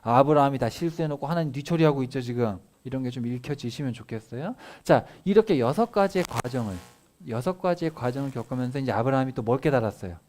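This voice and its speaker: A male pastor giving a casual family sermon. He retells scripture as a lively story and keeps asking his listeners rhetorical either-or questions. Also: mid-range voice, fast, a little hiss or hum. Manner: conversational, animated storytelling.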